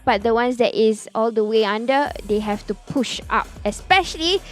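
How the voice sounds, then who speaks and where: A woman's voice: a little high, animated, moderate pace, soft background music. A woman co-casting an esports league, agreeable and hedging, with frequent fillers. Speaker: esports caster. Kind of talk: esports desk analysis.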